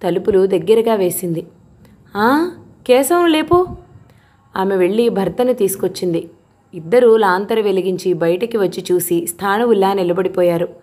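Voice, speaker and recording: A woman narrating a novel as an audiobook, voicing the characters in a gentle, measured storytelling manner. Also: mid-range voice.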